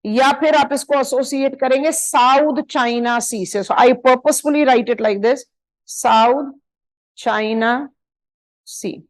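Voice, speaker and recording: High-voiced Indian woman teaching slowly. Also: steady tone, rough recording. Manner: mixes Hindi and English, drawing while explaining, stretches key names slowly. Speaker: geography teacher. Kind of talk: live online map lesson.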